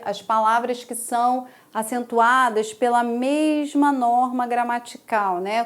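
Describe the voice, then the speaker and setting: A Brazilian woman teaching an exam-prep grammar lesson, explaining step by step and checking in with frequent tag questions. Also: a little high. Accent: Brazilian Portuguese.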